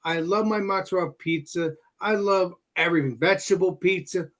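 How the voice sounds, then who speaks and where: A man in casual chat, excitable and given to repeating his words for emphasis. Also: sits high, fairly quick, over a noisy crowd.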